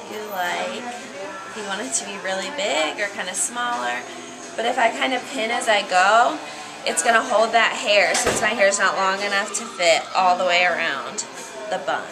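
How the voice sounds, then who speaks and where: A young American hair stylist gives an easygoing, loosely phrased how-to demonstration indoors at a hair salon. Her mid-range voice is picked up by a camera mic a short way off, with music in the background and poor audio overall.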